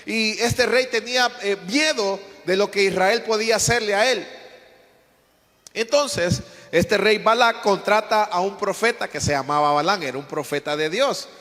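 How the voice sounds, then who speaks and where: A male pastor from Honduras preaches with a bright, tense edge to his voice, hammering his message through repetition and questions to the congregation. His sermon rings out in a roomy church hall with a long, lingering echo. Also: sits high, normal speed. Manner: preaching with repeated emphatic phrases and questions to the congregation.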